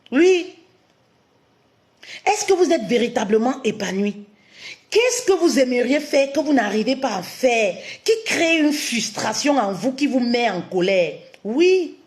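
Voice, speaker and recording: A woman relationship coach giving a live-streamed talk, cutting in with emphatic affirmations and posing many rhetorical questions to her listeners. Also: a little high. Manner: addresses listeners warmly as "my queens", repeats key phrases.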